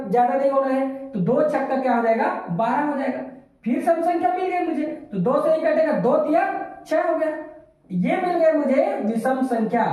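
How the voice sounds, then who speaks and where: Woman maths teacher, high voice, very echoey room, keeps checking pupils follow. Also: darkish tone. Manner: addresses pupils, often checks understanding. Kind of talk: step-by-step maths lesson.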